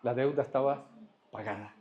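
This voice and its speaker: A man's voice: mid-range voice, normal speed, phone-quality sound, slight background noise. A man giving a church testimony, telling his story and acting out both sides of a conversation. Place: church hall. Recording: echoey church hall.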